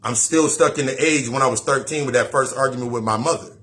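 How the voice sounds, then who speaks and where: A man's voice: mid-range voice, quick pace, fairly bright tone. A man giving a blunt, profane spiritual self-help monologue, repeating phrases and talking straight to the listener. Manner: preachy, talks straight to the listener.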